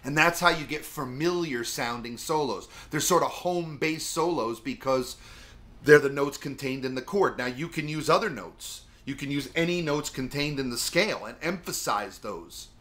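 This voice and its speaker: A man's voice: on the high side, normal speed, a bit bright. A middle-aged man teaching guitar soloing in a casual, rambling way, with lots of fillers as he talks. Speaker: music teacher. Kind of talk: casual video guitar lesson.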